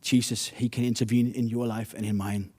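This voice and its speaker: A man's voice: mid-range voice, level tone, a little fast, a little mellow. Earnest man preaching a sermon. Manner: earnest, storytelling with non-native English phrasing.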